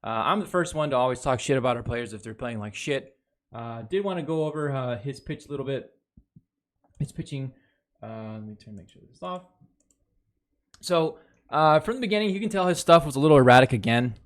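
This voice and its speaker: A man's voice: mid-range voice, animated, brisk. A man giving a casual, heavily profane recap of a baseball series, talking over game footage. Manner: talks over game footage, reviewing plays. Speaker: baseball fan commentator. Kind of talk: casual sports recap commentary.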